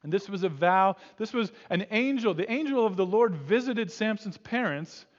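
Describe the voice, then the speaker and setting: Animated pastor man, high voice, echoing. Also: moderate pace, highs cut off. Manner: animated storytelling, acts out quotes with joking asides. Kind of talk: sermon.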